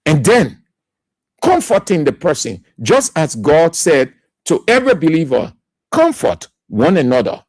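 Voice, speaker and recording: A man's voice: a little high, sing-song, measured pace, darkish tone, breathy edge, no echo. A Liberian man hosting a radio talk show, giving emphatic political commentary and repeating key words for stress.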